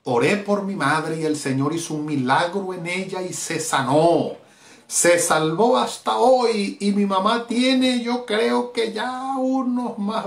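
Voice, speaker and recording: A high voice with vocal fry fills a reverberant space as a middle-aged pastor from Venezuela preaches. His evangelistic sermon, streamed live, is fervent and full of emphatic repetitions.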